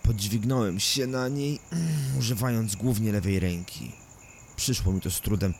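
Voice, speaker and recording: Man, audiobook narrator, first-person thriller, low voice, measured, hiss and crickets behind. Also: vocal fry, a little mellow.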